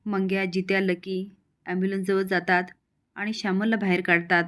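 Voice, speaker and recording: A woman narrating a steady recap of a TV serial episode. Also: medium pitch, normal speed.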